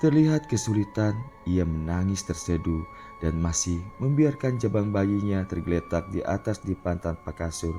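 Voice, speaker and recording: A man narrating a dark village story with deep, mellow tones and a lively, rising-and-falling delivery. Faint music plays softly beneath his voice. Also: moderate pace. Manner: expressive, dramatic. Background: faint background music.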